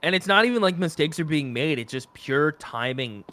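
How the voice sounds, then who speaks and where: A man giving live esports commentary in an excitable, conversational, incredulous way. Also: a little high, moderate pace, no room sound.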